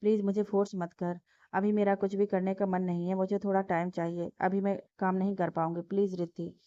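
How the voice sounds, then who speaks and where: A woman voicing a heartbroken, lovesick young woman who pleads softly through tears. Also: mid-range voice, little pitch movement, a little fast, no echo, lightly acted. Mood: tearful. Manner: soft, tearful pleading. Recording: dull lo-fi dry recording.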